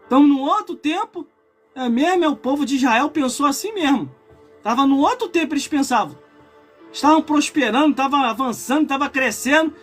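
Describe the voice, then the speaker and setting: Brazilian pastor in his 40s, live-streamed sermon, pitched high, fervent and prone to shouting, quiet music underneath. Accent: Brazilian Portuguese. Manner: impassioned preaching that swells into shouts, broken by chatty asides to viewers.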